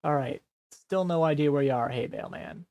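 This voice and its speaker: A man's voice: a little high, fairly quick, creaky, a little mellow, no room sound. Dry-voiced man explaining things patiently. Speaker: streamer. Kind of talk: casual gameplay chat.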